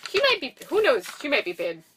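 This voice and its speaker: Bright, giggly woman chatting about movies. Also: high voice, wildly swooping pitch, fairly quick, far from the mic, a little hiss or hum. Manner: chatty and giggly, lots of fillers. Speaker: movie reviewer. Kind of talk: casual chat.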